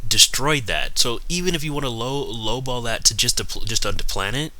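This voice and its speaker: A man giving casual, unscripted commentary, rambling and haltingly backtracking, with slightly numb-mouthed articulation. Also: medium pitch, pushed and bright. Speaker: YouTube video host.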